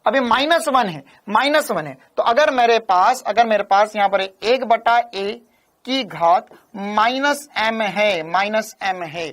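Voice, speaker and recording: In a high-pitched, fairly bright voice, a man teaches physics online at a slow, animated pace. Phrases get repeated and questions keep coming, along with constant requests for viewers to confirm and give a thumbs up.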